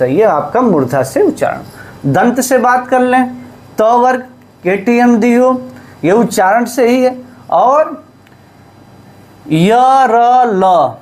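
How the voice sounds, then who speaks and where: Slow, deliberate Hindi teacher. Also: male voice, sits high, darkish tone. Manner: asks the class questions and answers them himself; repeats key terms slowly. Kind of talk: classroom lesson.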